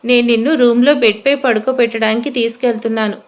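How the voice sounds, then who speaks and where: A woman's voice: fairly high pitch, steady tone, quick pace, lightly acted. A woman voicing a teasing, possessive young husband in an audio story. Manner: teasing, smug.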